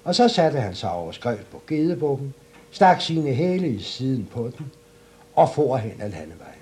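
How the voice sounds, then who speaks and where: A man reading a fairy tale aloud as a storyteller, in an expressive, animated way. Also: medium pitch.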